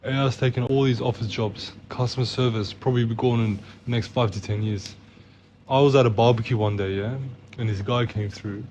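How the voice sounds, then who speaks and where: A man's voice: medium pitch, fairly even intonation, brisk, darkish tone, a little hiss or hum. A young man in casual chat, ranting in an exasperated, slangy way. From Australia. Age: young adult. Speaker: co-host.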